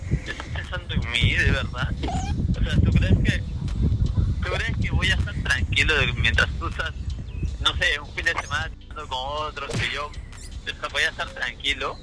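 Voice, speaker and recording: A man's voice: fairly high pitch, normal speed, rough recording. A young man outdoors in a park, speaking into a handheld mic, incredulous and defensive as he argues with his girlfriend. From Peru. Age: young adult. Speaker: prank target boyfriend. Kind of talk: street prank conversation.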